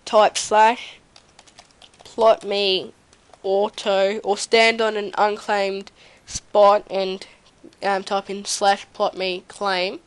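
Sniffling and coughing with a slight cold, a young woman gives a slow, rambling tour of her game server, full of ums and pauses, as casual gameplay commentary from a home computer room. Her mid-range voice is level, clear and resonant with no echo, and the desk mic by her keyboard catches her typing.

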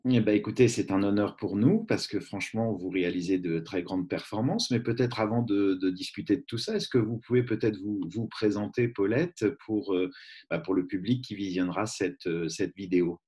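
Low, husky male interviewer. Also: moderate pace, a little mellow. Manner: polite, stumbling questions. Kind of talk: formal interview.

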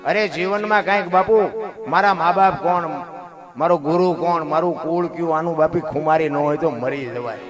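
A man telling folk stories and moral lessons to a live audience, animated, with sudden loud rises and warm calls to his listeners. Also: fairly high pitch, moderate pace, over music. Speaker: folk storyteller. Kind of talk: folk storytelling sermon before an audience.

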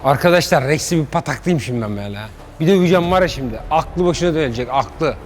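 A man vlogging in a joking, animated way, talking to his viewers. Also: on the high side, quick pace, slight background noise. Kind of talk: comedic vlog.

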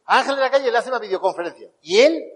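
High-voiced man telling stories. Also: very fast, slightly rough. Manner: animated storyteller, acts out quotes. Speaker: motivational speaker. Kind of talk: storytelling talk to an audience. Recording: long hall reverb.

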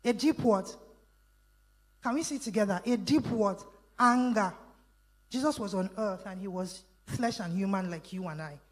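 A woman's voice: medium pitch, moderate pace, low-quality recording. A woman speaker giving an interactive Bible teaching talk at a meeting, reading verses aloud, explaining them and quizzing the audience with call-and-response questions.

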